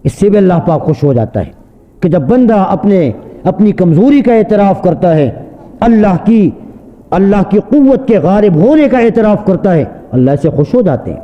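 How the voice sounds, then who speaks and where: A man's voice: sits high, big pitch swings. Man, mufti, sermon, earnest rhetorical questioning, long hall echo, dull recording. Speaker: mufti giving a talk.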